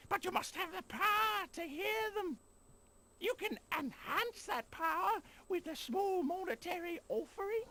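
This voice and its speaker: Casting: theatrical fortune teller for a game, shrill and piercingly high, slow mystic delivery. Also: female voice, bright, forceful tone, exaggerated voice. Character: eccentric fortune teller mystic woman who talks to spirits. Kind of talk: video game character acting.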